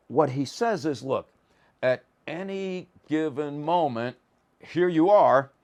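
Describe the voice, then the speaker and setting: His voice on the high side, a man gives an informal lecture for a psychology and philosophy course. He tends to stammer slightly when opening a phrase and makes his points through colloquial language and simple everyday examples.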